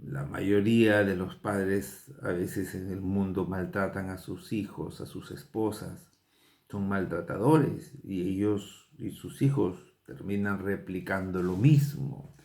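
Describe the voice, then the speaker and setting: A man from Peru preaching a sermon, earnest and unhurried, with rising emphatic bursts. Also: deep voice, darkish tone, roomy sound. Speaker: pastor.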